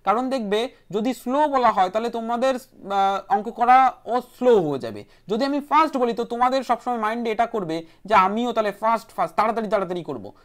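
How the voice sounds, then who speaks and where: A woman teaching an online math class for an entrance exam in a brisk way, repeating each step and number aloud. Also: mid-range voice.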